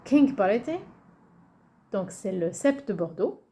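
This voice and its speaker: Woman, casual presenter, cheerful, hesitant, many fillers, mid pitch. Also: animated, mellow, a little hiss or hum. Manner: hesitant, many fillers, muses aloud over names; reads English card titles slowly and carefully. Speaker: YouTuber presenting a card game. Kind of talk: casual show-and-tell presentation.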